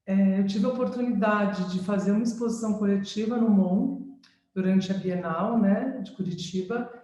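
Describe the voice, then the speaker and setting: On an echoey video call from her art studio, a visual artist presents her work in an informal talk. Born in France and raised in São Paulo, she is thoughtful, searches for words and uses tag questions a lot. Her voice is medium-pitched and mellow, picked up by the call's microphone.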